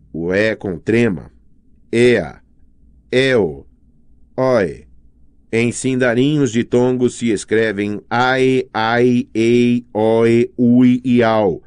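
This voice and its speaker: A man with a Brazilian Portuguese accent reading an audiobook in a careful, measured way, spelling out sounds one by one. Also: mid-range voice, a little mellow, clear, resonant tone, no room sound, studio quality. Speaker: audiobook narrator. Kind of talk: scripted narration.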